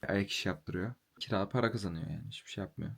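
A man's voice: deep voice, quick pace, vocal fry, husky. A young man venting in a casual vlog monologue, heated and swearing freely. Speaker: vlogger.

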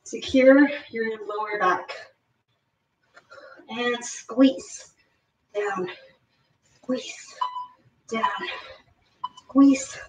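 A woman fitness instructor leading a live workout, giving energetic, encouraging cues and counting reps, a little out of breath. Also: on the high side, very slow, pauses often. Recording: roomy, distant, dull lo-fi sound.

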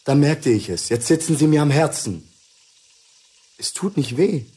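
An actor playing a weary, doomed husband who speaks in a husky, hushed, halting voice, in an old mono radio play with music. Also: male voice. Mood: agitated. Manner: low, hushed and halting, growing urgent. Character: weary doomed husband Bill, middle-aged man.

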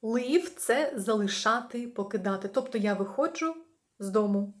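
A young woman from Ukraine, a native Ukrainian speaker, teaching English vocabulary in a lesson, slowing down to model each phrase clearly. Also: medium pitch, animated. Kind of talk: language lesson.

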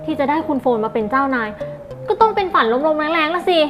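A woman's voice: high-pitched, sing-song, quick pace, over music. An actress playing a curious young office worker chatting with her older coworker. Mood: chatty. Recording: dull lo-fi sound.

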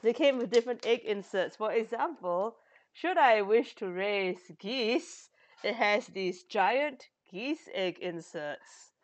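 A woman's voice: medium pitch, lively intonation, takes it slowly. A woman co-hosting a casual vlog, rambling through a show-and-tell with lots of fillers. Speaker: vlog co-host. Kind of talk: casual chat.

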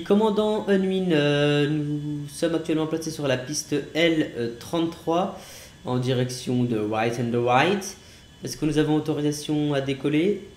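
Airline captain in the cockpit, put on by a male gamer: mock-formal, halting announcements, roomy sound, faint ambience behind. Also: on the high side, a little mellow, a little hiss or hum, close to an everyday voice. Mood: mock-official. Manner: mock-formal announcer delivery with hesitant fillers. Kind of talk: playful role-play during a flight-simulator gameplay video.

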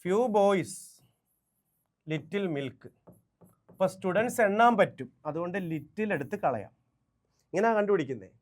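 A man from Kerala teaching a quick exam revision lesson, firing rhetorical questions, answering them himself and repeating key phrases for emphasis. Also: sits high, sing-song.

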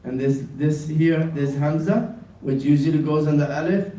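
A man teaching an Arabic class, drilling each word slowly and repeating it many times. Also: a little high, fairly even intonation, dark tone. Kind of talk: classroom lesson. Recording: echoey classroom from far off.

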